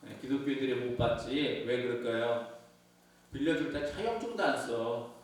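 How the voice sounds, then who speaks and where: A man's voice: mid-range voice, moderate pace, slight background noise. Pastor guy chatting through a sermon, quizzes the congregation, sounds far off in a big echoey church. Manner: conversational preaching, asks the congregation questions. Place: church sanctuary.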